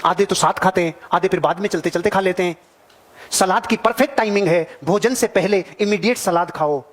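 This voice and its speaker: Male motivational seminar speaker, high voice, rapid emphatic delivery, works the crowd. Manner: emphatic, repetitive, addresses audience directly. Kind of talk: seminar speech to a live audience.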